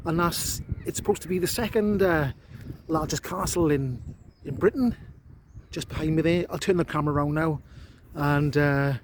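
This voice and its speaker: A man's voice: fairly high pitch, normal speed, slight background noise. A man with a South Wales Valleys accent, chatting casually to a handheld camera outdoors in an informal vlog style. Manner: chatty, often tags remarks with "look". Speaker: vlogger reviewing an electric bike. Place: outdoors on paths in a park.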